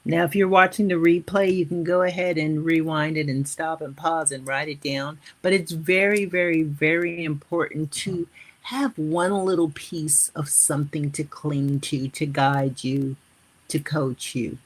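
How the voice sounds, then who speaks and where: A woman's voice: low-pitched, fairly even intonation. A woman in her fifties or older hosting a live motivational stream. She addresses viewers as family and leads them through repeated affirmations. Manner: slow, repetitive affirmation-leading. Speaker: motivational host.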